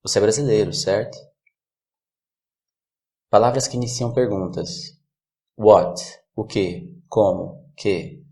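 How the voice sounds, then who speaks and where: A man teaching a recorded language lesson, with slow, clear, measured delivery. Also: on the low side, warm tone. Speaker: English teacher.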